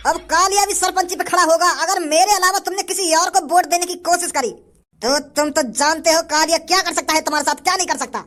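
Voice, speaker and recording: A bullying male village bandit from a cartoon, threatening and full of brag, with a woman doing the voice. His voice sits very high. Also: steady tone, quick pace, fairly bright tone. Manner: threatening, bragging. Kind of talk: cartoon voice acting.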